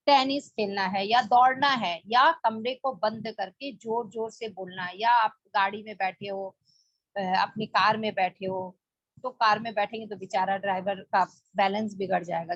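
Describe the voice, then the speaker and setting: A woman's voice: mid-range voice, fairly even intonation, normal speed, dry recording. A woman leading a spoken book study, explaining plainly with rhetorical questions. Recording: dull lo-fi dry recording.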